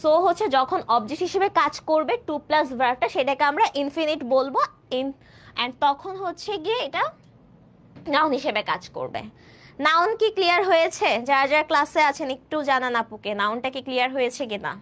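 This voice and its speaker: A woman in her twenties from Bangladesh, teaching an online English grammar class and often checking that students follow, with slow, drawn-out example sentences. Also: high voice, expressive, a bit bright. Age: 20s. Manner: keeps asking students questions to check understanding; stretches out example sentences slowly. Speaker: admission test English tutor.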